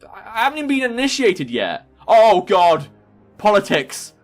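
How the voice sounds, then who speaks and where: Lively rambling gaming commentator, man. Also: high voice, normal speed, faint music behind. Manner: rambling, laughing, thinking aloud. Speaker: gaming video host. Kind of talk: casual let's-play commentary.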